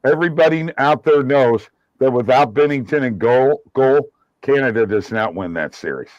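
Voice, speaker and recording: A man's voice: mid-range voice, animated, normal speed, no echo. A man in casual sports chat on a remote call, his voice muffled as if heard through a wall. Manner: chatty, enthusiastic about hockey.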